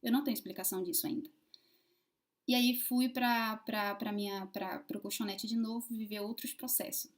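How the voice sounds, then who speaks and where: A woman telling a personal story to camera in a casual, expressive way, swinging between loud emphasis and hushed asides. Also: mid-range voice, moderate pace.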